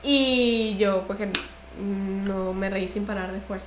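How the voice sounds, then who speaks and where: A woman co-hosting a casual podcast, telling stories in an animated way and acting out other people's voices. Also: medium pitch, slow, echoey room. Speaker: podcast co-host.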